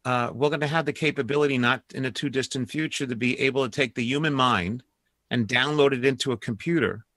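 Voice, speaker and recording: Male co-host, earnest, halting questioner, bright tone, dry room. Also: medium pitch, no room sound. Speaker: comedian co-host. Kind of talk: interview questions.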